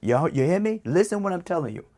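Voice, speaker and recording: A man's voice: high-pitched, big pitch swings, fast talker, mellow, voice pushed up. A man voicing a streetwise gangster father with a New York accent, giving insistent, blunt advice. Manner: stern, insistent.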